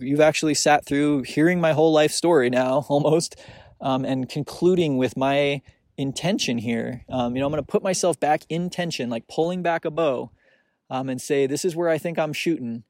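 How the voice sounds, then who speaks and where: On a mountain hike, a podcast host muses alone in a reflective monologue, his voice soothing, on the high side and a little mellow. He keeps stopping to restart, searching for words with lots of fillers. There's no room sound in the recording.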